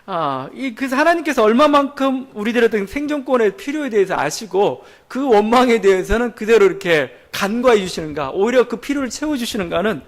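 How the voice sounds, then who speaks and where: A man delivers a sermon as pastor, his voice sitting notably high for a man. He explains scripture in a relaxed, conversational way, pausing often on small filler sounds. The delivery is that of a teaching preacher talking plainly to his congregation.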